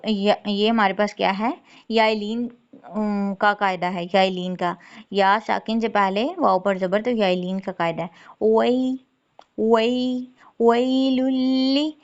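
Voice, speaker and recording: A woman teaching Quran recitation rules patiently, saying words slowly and repeating them. She often checks in with "theek hai" and. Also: medium pitch. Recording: dull lo-fi sound.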